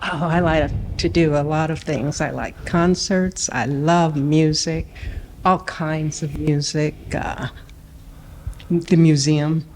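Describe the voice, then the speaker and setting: A woman's voice: low voice, fairly even intonation, slow, darkish tone, slight background noise. A woman in her sixties, a dating show contestant who chats in a cheerful, upbeat way. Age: 60s. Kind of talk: casual chat.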